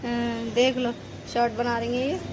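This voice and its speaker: A woman's voice: fairly high pitch, flat delivery, normal speed, over a noisy crowd. A young woman, chatting casually and teasingly in a home vlog. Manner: chatty, teasing, laughs often. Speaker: vlogger. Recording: noisy home recording.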